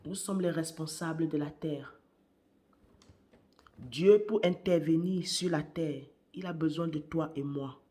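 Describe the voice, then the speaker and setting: Nursing a cold, a woman with a deep, worn voice preaches a morning sermon. She speaks slowly and deliberately, repeating key phrases and sometimes sinking to a hush.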